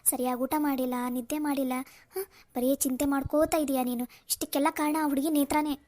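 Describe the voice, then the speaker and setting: A fretful middle-aged mother, voiced by a woman in a cartoon family drama. Her voice sits high and moves fast. She soothes her daughter and complains bitterly about her daughter-in-law. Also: steady tone, darkish tone, close to an everyday voice. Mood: worried.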